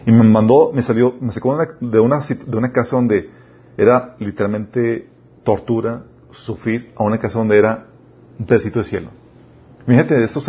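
A young man with a Mexican accent, preaching a sermon to a youth group and telling stories from his own life straight to his listeners. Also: medium pitch. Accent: Mexican Spanish. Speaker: youth pastor. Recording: dull muffled recording.

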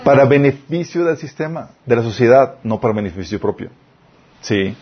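A man's voice: medium pitch, expressive, normal speed, muffled recording. A man preaching a sermon. He reads scripture aloud, stops to explain it, and asks his listeners questions. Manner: addresses the audience as "chicos", asks them questions.

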